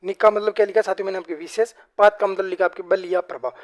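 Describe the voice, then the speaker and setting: A man teaching a grammar lesson for exam preparation. He asks questions and answers them himself, fills nearly every phrase with the same address to his viewers, and slows down to read example sentences aloud. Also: high-pitched, steady tone, darkish tone. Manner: repeats "साथियों" and "बिल्कुल" constantly.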